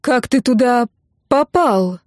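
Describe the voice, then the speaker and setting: A woman voicing a stern mother who is frightened and demands answers in a sharp, commanding voice. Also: fairly high pitch, animated, slow pace, no echo, studio quality, pitched above the performer's own voice. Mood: desperate.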